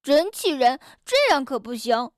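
Storybook frog boy, young, stubborn, soft-hearted, huffy delivery; voiced by a woman, high and unhurried. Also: expressive, no echo, studio quality. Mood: grumbling. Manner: huffy, sulky tone.

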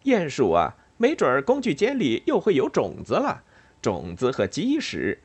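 A breathless little field mouse, put on by a man, who squeaks and rushes out his words. His voice swings high and lively, and it sounds husky. An audiobook storybook character. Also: heavily acted. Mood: excited. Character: excitable young male field mouse, breathless.

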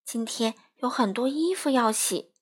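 Storybook mom, woman reader: gentle, motherly, busy. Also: a little high, animated, measured pace, breathy edge. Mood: patient. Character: warm, busy mother animal.

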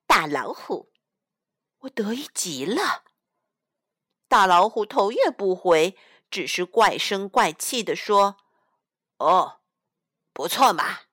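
A woman reading a children's picture book aloud in the first person as a little mouse, slow, gentle and expressive, recorded close up. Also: on the high side, no room sound. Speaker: storyteller mother.

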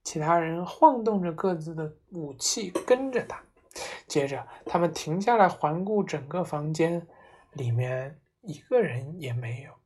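A woman narrating a children's story in a slow, expressive reading voice. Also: low voice, husky.

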